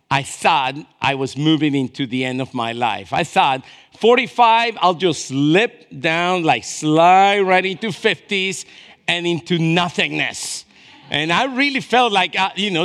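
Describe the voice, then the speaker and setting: This pastor in his fifties has a creaky voice that is strikingly high for a man. His preaching feels conversational and story-driven, with short questions to check in and shifts from quiet asides to loud, dramatic emphasis.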